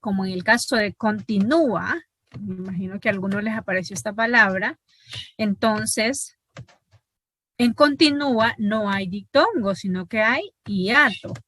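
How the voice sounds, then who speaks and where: A woman's voice: medium pitch, measured pace, fairly bright tone, no echo. A woman teaching an online linguistics class. She explains step by step and often checks with her students by asking "¿verdad?".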